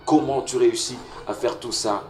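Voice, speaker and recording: A man's voice: medium pitch, fairly even intonation, normal speed, a little mellow, soft background music. A man hosting a TV culture show, stammering and repeating words as he asks his questions. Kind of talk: interviewing a guest. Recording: echoey room, distant mic, faint noise.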